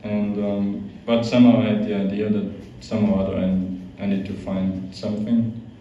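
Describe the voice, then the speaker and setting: A young Austrian man, a monk appearing as a guest speaker, gives a youth group an informal, hesitant talk packed with fillers and restarts, in an Austrian accent. His voice is fairly low and warm, moving little in pitch at a moderate pace, with slight background noise. The recording is echoey, distant and dull, made in a large echoey hall.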